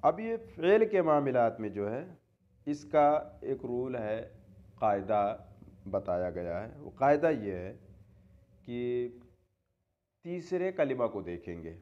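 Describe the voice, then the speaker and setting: Male tajweed teacher, animated sing-song delivery, dull lo-fi recording. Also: medium pitch, takes it slowly, pauses often. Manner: asks rhetorical questions and answers them, repeats key terms. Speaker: Quran recitation teacher. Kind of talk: classroom-style lesson explaining tajweed rules.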